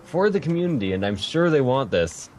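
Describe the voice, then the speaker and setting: A man's voice: medium pitch, big pitch swings, fairly quick, a little mellow, slight background noise. A man hosting a podcast interview, chatting casually and rambling a little, correcting himself as he goes. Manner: rambling, self-correcting, light laughter. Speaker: podcast host.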